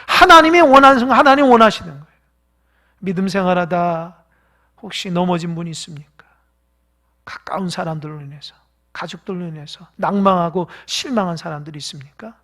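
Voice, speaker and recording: A man preaching a sermon as pastor, alternating loud exhortation with hushed whispers and asking the congregation to respond. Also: sits high.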